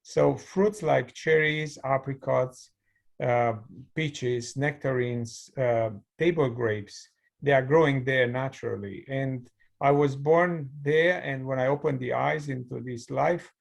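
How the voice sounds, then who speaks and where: This guest, a middle-aged mechanical engineer from Romania, has a creaky, medium-pitched voice, a Romanian accent and a slow pace. Over a video call, he tells his story thoughtfully in a conversational interview, punctuated by light laughs.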